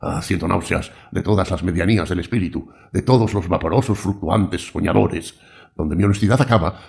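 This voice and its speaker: Narrador de voz grave y áspera. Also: male voice, sits low, creaky, darkish tone. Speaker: audiobook narrator. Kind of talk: literary audiobook reading.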